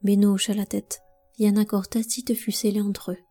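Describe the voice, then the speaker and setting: Mellow-voiced woman reading a story. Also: medium pitch, little pitch movement, moderate pace, husky, faint music behind. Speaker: audiobook narrator. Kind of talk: scripted narration.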